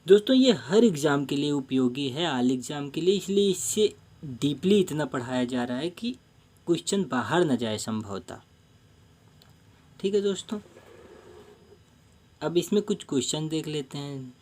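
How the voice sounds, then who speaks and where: A man teaching a Hindi grammar lesson for exam preparation, explaining each term slowly, repeating himself and often calling the viewers friends. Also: fairly high pitch, animated, a little mellow.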